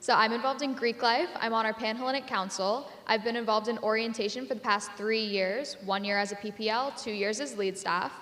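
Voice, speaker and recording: Young woman, slightly high, in a hall. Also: fairly even intonation, fairly bright tone. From Pennsylvania. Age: young adult. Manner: quick list-like self introduction. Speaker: student orientation leader. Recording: reverberant hall.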